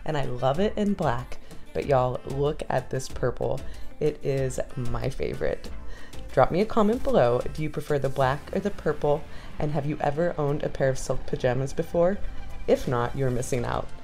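Low, mellow-voiced woman vlogger. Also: lively intonation, normal speed. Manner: chatty, speaks directly to viewers. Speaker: lifestyle vlogger. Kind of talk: voice-over for a clean-with-me video. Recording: voice-over with soft music underneath.

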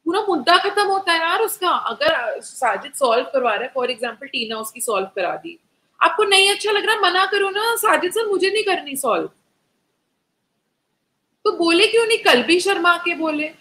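A young woman hosts a casual live stream, reviewing a TV episode and chatting with viewers. Her voice sits high and sounds bright and forceful, and her talk is animated, with English mixed in. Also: moderate pace, low-quality recording. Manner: animated, mixes Hindi with English, talks to chat viewers. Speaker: live-stream host reviewing a reality show.

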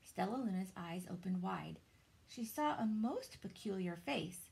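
A woman, reading a children's story aloud in a dramatic, deliberate way. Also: medium pitch, lively intonation, creaky, darkish tone. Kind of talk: expressive children's storybook narration. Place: small indoor room with shelves.

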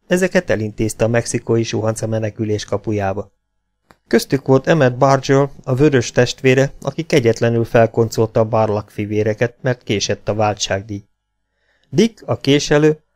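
Gravelly male audiobook narrator. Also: on the low side, a little mellow.

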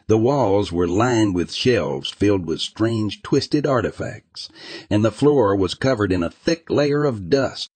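A man narrating a fantasy audiobook in an even, measured reading style. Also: low-pitched, breathy edge, no echo.

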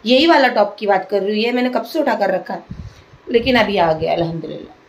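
A woman's voice: medium pitch, quick pace, a little hiss or hum, rough recording. A young woman chatting to her viewers at home while looking after her small children. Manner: chatty, addresses viewers directly, coos at her baby. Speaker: vlogger and mother. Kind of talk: casual home vlog chat.

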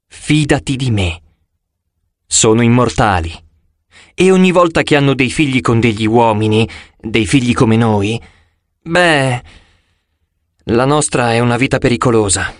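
A man's voice: mid-range voice, expressive, a little slow, long pauses, no room sound, clean studio sound, lightly acted. A man voicing a blunt, hot-tempered teenage girl in an audiobook. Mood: earnest.

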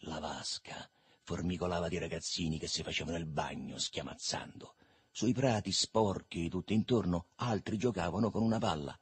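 A man reading a literary novel aloud in a lively, expressive way. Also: deep voice, moderate pace, husky. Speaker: reader.

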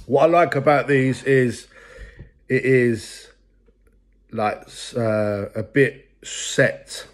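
A man's voice: mid-range voice, drawn-out words. A man in his forties doing a casual product review at home, chatty and full of ums and restarts. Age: 40s. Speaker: food reviewer.

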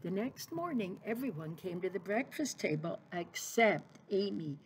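A woman reading a children's picture book aloud in an expressive, sing-song way, as an early childhood educator. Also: mid-range voice, measured pace, slight background noise, rough recording.

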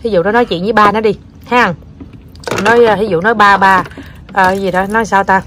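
A woman's voice: medium pitch, steady tone, a little fast, fairly bright tone, slight background noise. A woman in her thirties, a mother chatting casually to camera and laughing as she retells her child's words. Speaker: mother and vlogger.

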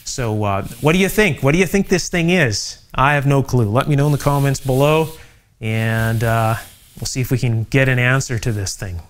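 A middle-aged man talks casually over his workbench, musing aloud and pausing with plenty of fillers. His voice sits at an ordinary middle pitch and he sounds like a hobby host showing gear in his home workshop. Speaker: electronics channel host.

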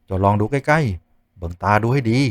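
A man's voice: fairly low pitch, expressive, moderate pace, no room sound, natural voice. A man voicing a cheeky, teasing old male scholar. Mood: urgent.

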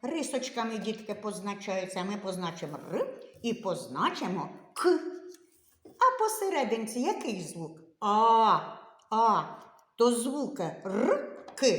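Slow sing-song Ukrainian teacher, echoey room. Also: female voice, mid-range voice. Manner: slow, sing-song, coaxing questions to small children. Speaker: kindergarten teacher. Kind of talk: children's phonics lesson.

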